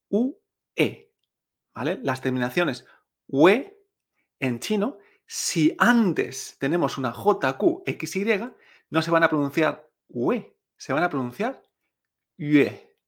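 A man's voice: a little high, breathy edge. A man teaching Chinese pronunciation, patiently repeating each sound for the listener to drill. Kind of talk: pronunciation lesson.

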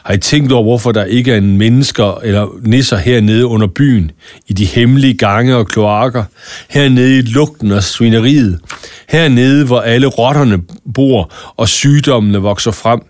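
A man's voice: mid-range voice, a little mellow, no room sound, clean studio sound, natural voice. A man doing an affected, mocking beast queen. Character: haughty pale queen of the beasts.

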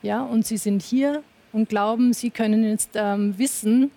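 A woman from Afghanistan argues with passion on a television panel. Her voice is mellow and warm rather than bright. She keeps pressing her point and talks over anyone who cuts in. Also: on the high side, fairly even intonation, measured pace. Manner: insistent, impassioned, talks over interruptions. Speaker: panel guest. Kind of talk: heated TV panel debate.

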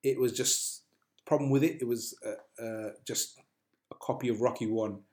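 A man's voice: medium pitch, steady tone, normal speed, a little mellow. A man hosting a casual podcast chat, rambling with many hesitations and restarts. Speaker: podcast host. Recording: echoey room.

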